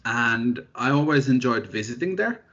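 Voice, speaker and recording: A young man talks through his path into research in a loose, self-deprecating way. His pitch sits mid-range for a man. The audio is muffled and lo-fi. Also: normal speed. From Finland. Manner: relaxed, self-deprecating storytelling. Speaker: guest scientist, postdoctoral researcher. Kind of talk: casual interview chat. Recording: dull lo-fi audio.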